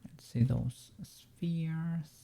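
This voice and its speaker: On a livestream, a 3D modeling streamer chats casually and mutters quietly to themself while working. The voice is mid-range and gravelly, and the pace is very slow.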